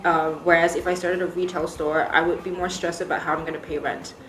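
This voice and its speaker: A woman's voice: lowish voice, flat delivery, brisk. Chatty young woman with an American accent. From Singapore. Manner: chatty, laughs easily, many ums. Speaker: interviewee, baker. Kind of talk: casual interview answers. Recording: echoey room with music behind.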